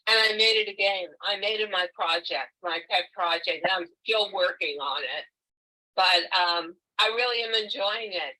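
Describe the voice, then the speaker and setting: An older woman with a bright, forceful tone and a slightly low voice speaks over a video call. She tells her own story candidly and with emphasis, as an author talking with a book club. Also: poor audio. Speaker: author and guest. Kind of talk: conversational interview. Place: home, virtual meeting.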